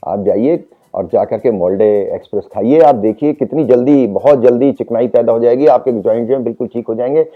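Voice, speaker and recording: A man speaking as the doctor guest on a talk show, explaining calmly and repeating reassurances. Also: medium pitch, a little fast, hardly any pauses, faint music behind. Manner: calm advising, repeats reassurances. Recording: phone-like narrow band.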